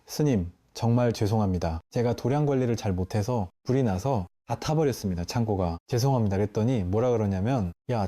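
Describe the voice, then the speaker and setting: A man's voice: lowish voice, dark tone. A man, a Buddhist monk, giving a playful question-and-answer sermon in a temple hall, telling stories and quizzing his listeners. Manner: playful storyteller, asks the audience questions. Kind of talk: lively Q&A sermon to a temple audience.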